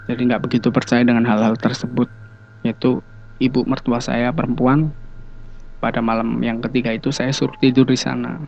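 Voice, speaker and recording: Relaxed man telling ghost stories. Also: mid-range voice, moderate pace, gravelly, slight background noise. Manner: relaxed, hesitant, many fillers. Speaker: guest telling ghost experiences. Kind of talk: casual storytelling. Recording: dull lo-fi sound.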